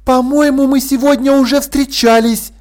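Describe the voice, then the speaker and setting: A man's voice: extremely high pitch, steady tone, normal speed, a little mellow, pitched above the performer's own voice. A man voicing a stern, unflappable young governess in an audiobook, dry and firmly threatening. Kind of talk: audiobook character voice.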